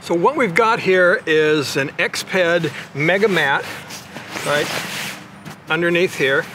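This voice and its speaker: With a fairly high pitch and a slow pace, the older man demonstrates camping gear in his backyard while background noise carries on. This motorcycle vlogger's conversational walkthrough proceeds step by step, peppered with "again" and "right."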